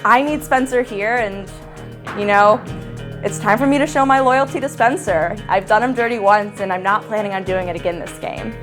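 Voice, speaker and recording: A woman's voice: mid-range voice, moderate pace. A woman contestant giving an earnest confessional about her vote. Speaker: reality game contestant. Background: music.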